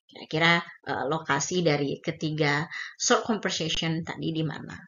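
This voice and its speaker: A woman lecturer, giving a recorded lesson on English grammar. She explains in a chatty, teacherly way and reads English example sentences slowly, stressing key words. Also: low-pitched, steady tone, fairly bright tone. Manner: frequent tag fillers and a chatty teacherly tone. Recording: dull lo-fi recording.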